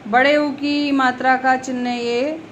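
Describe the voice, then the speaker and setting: A woman's voice: sits high, steady tone, unhurried, a little hiss or hum, low-quality recording. A woman teaching a grammar lesson to young schoolchildren, patiently repeating letters and example words. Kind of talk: explaining Hindi grammar to young children.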